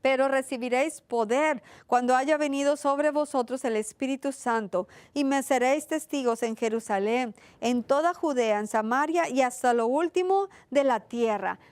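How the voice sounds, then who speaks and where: High-voiced woman preaching earnestly. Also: moderate pace, few pauses, a little mellow, smooth, no room sound. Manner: earnest, repetitive, asks and answers her own questions. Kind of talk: sermon.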